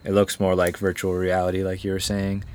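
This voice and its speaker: A man talking casually on a podcast, relaxed and trailing off with lots of fillers. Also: low voice, fairly quick, a little hiss or hum. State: groggy from cold medicine. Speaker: podcast guest. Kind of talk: casual chat.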